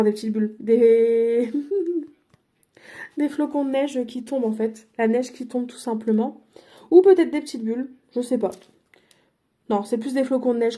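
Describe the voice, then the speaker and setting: In a relaxed product haul video, a crafting vlogger presents the craft supplies she bought, her voice a little high and mellow. She chats hesitantly, often correcting herself and leaning on fillers.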